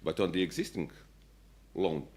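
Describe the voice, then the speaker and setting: Low-voiced policymaker speaking haltingly. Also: male voice, expressive, a little mellow. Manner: hesitant, many fillers and restarts. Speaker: central bank policymaker. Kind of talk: conference panel talk.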